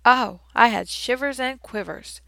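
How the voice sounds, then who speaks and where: A woman narrating a children's audiobook in the first person as a classroom hamster, with expressive, playful storytelling and lively emphasis. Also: on the high side, a little slow, vocal fry, dry recording.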